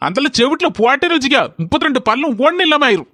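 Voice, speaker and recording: Cartoon village husband, gruff and blunt, southern dialect, high and bright as a woman voices him. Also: animated, racing, no echo, studio quality. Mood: scolding. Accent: southern Tamil Nadu village dialect. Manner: scolding, blunt. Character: grumbling village husband, middle-aged man. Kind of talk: cartoon voice acting.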